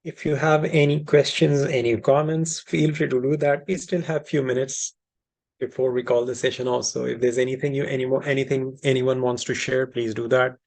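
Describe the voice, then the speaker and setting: A man with or as his language leads an informal group session as a hypnosis practitioner. He explains things reassuringly, often repeating and rephrasing his key phrases, at a middling pitch. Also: steady tone, normal speed, vocal fry, a little mellow. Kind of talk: informal teaching and question session, switching between two languages.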